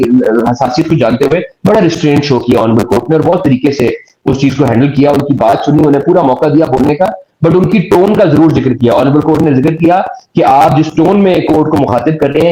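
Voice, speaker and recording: Deliberate man with a dark, echoey voice. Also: fairly high pitch. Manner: measured, detailed recounting with frequent hesitation fillers. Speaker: lawyer and guest. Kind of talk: interview answers. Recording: roomy echo.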